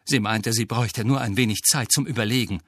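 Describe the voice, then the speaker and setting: A man reads a novel aloud in a steady, measured way, with a mid-range voice. The recording is dry and close, with no room echo at all. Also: medium pitch. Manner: even, measured reading. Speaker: audiobook narrator. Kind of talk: scripted narration.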